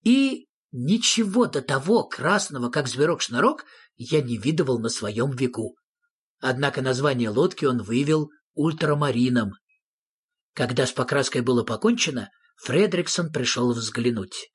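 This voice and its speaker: A narrator reading a children's story aloud with expressive storytelling. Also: mid-range voice, normal speed, breathy edge.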